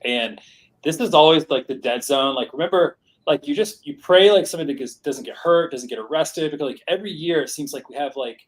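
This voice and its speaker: A young man, co-hosting a casual chat in a relaxed way, full of fillers and "like". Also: fairly high pitch, fairly quick, rough recording. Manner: relaxed, filler-heavy, says "like" a lot. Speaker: podcast co-host.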